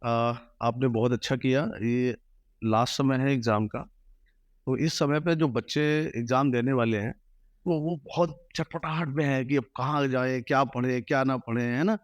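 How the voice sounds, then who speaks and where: Earnest Hindi-speaking maths teacher, dry sound. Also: male voice, medium pitch, steady tone, unhurried, dry recording, lo-fi sound. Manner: earnest, advising students directly. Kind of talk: interview answers.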